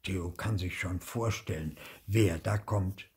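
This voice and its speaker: Husky older male storybook reader, slow, animated delivery. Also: low voice. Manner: lively, expressive reading with voiced dialogue. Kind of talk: children's story reading.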